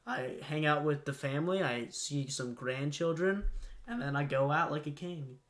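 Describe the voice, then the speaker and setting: Young guy on a podcast, chatty and animated, lots of likes and ums. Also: fairly high pitch, normal speed. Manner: animated, laughing, talks in fillers. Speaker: podcast co-host. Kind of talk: casual chat.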